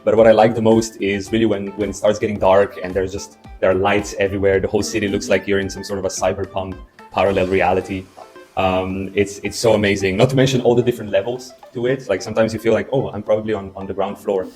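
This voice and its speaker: Young man, from Slovenia, student, low voice, fast relaxed chat, faint music. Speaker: international student. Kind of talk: casual group chat.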